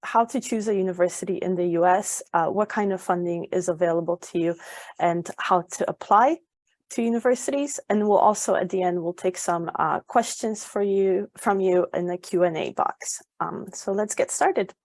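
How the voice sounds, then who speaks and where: A woman's voice: fairly low pitch, normal speed, a little mellow, no echo. A young woman from Poland giving a webinar as an education advisor, informative and full of ums and uhs. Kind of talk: webinar presentation.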